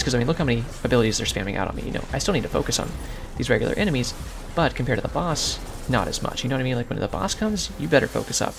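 A soft-spoken young man giving casual, rambling gameplay commentary with jokey asides. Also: medium pitch, gravelly. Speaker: gaming YouTuber.

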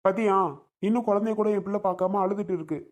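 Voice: medium pitch, fairly even intonation, quick pace, darkish tone, natural voice. A performer playing an angry middle-aged father who scolds his son-in-law and worries about his daughter in a family drama skit. He speaks in a blaming, raised voice.

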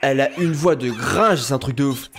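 A man hosting a casual gaming video, excitable and slangy, laughing often. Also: medium pitch, fairly quick, music in the background. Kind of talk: casual reaction commentary.

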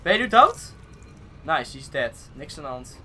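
A man giving excitable let's play commentary on a game, swearing often and slipping English phrases into his talk. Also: a little high, unhurried, over loud music. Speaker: gaming video host. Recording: steady background noise.

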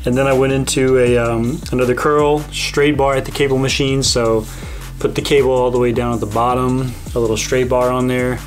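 A young man in his twenties talks through a home vlog voiceover in an easy, rambling way, full of fillers. His pitch sits in the middle of the range. Clear background music runs under his voice. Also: a little fast. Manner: relaxed, rambling with many fillers. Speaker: fitness vlogger.

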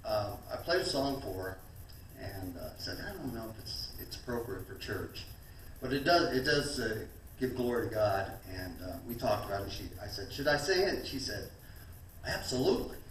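A man's voice: on the low side, normal speed, far from the mic, slight background noise. A middle-aged man in a church sanctuary who chats and jokes between songs, then sings worship to his own guitar at a stand mic. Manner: relaxed, chatty between songs, tells corny jokes. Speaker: church singer-songwriter. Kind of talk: joking talk and sung worship with guitar. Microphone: stand mic, filmed from a distance. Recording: echoey church, voice off-mic, loud acoustic guitar.

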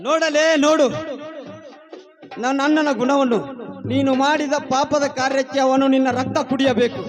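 A man playing a righteous avenging younger brother in a stage drama, accusing in forceful declamation. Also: very high voice, little pitch movement, normal speed. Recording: stage music behind.

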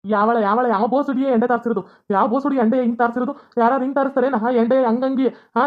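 A woman voicing a grumpy older father-in-law in a cartoon, with a North Karnataka accent and a shrill, whining manner. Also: narrow, tinny audio, natural voice. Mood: indignant. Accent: North Karnataka Kannada. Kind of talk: cartoon comedy voice acting.

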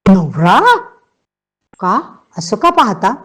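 A woman voicing a blunt, outspoken older aunt who teases and scolds loudly, in a read-aloud novel. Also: medium pitch, big pitch swings, extremely slow, heavily acted. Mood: teasing, scolding. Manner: loud, scolding, exclaiming.

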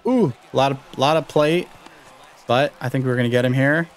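Excitable young man commentating his gameplay. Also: mid-range voice, moderate pace. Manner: excitable, talks to viewers while playing. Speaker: gaming YouTuber.

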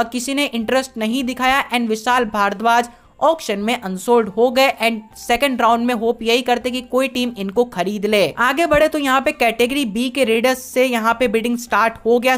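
A woman's voice: on the high side, a bit bright, smooth. A woman narrating a voice-over recap of a sports auction, listing results one after another and mixing English words into her Hindi.

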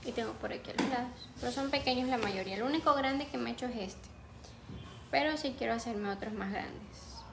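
A young woman from Ecuador hosts a livestream from a small indoor room, chatting casually with viewers and reading out their names as she answers them. Her slightly high voice is brisk with vocal fry, and background noise is audible. She is recorded on a phone mounted on a ring light stand.

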